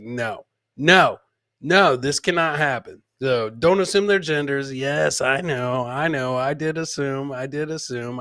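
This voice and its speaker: A podcast host with a mid-range, slightly bright voice chats casually and banters with viewers in a comedic livestream, using informal, profane language. The sound is clean studio quality with no room echo.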